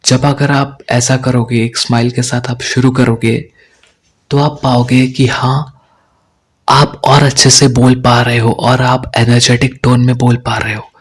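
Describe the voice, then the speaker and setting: A young man with an Indian accent teaches spoken English, explaining things deliberately in a mix of Hindi and English and often checking in with "right?". His mid-range voice has little pitch movement and a breathy edge.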